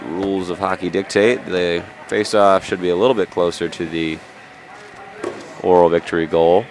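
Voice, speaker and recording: Man, hockey play-by-play, nasal from a cold, low voice, faint arena noise behind. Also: steady tone, moderate pace. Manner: jokey, chatty asides. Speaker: play-by-play commentator. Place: indoor sports arena.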